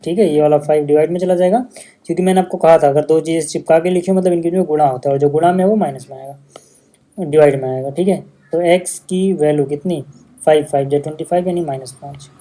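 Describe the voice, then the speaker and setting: A man's voice: fairly high pitch, fairly even intonation, fast, mellow. A male maths teacher, patiently explaining steps in a casual lesson video.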